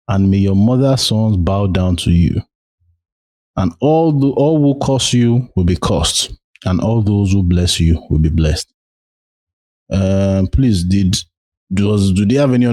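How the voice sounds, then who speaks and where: Deep husky Nigerian-accented man. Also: mellow, no echo. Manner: reads verses, then swears at them. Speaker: podcast host. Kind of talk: Bible reading with ranting commentary.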